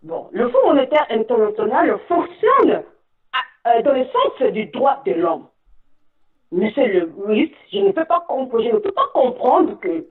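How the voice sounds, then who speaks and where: An indignant woman calls in over a tinny phone line, and her voice sounds distant and echoey. Her lively, fairly high voice swings widely in pitch as she pushes on through many hesitations. She builds to near-shouting. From Republic of the Congo. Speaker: caller. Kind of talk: impassioned call-in commentary.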